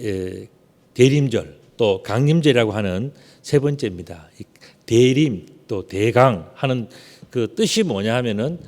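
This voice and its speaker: A man's voice: medium pitch, darkish tone. A man preaching a Sunday sermon in a church. He talks conversationally, asks many rhetorical questions and stretches out key words for emphasis. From Gyeongsang region, South Korea. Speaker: pastor. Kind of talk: Sunday sermon with personal storytelling. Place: church sanctuary. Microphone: unmasked behind a screen at the pulpit. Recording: long church hall reverb.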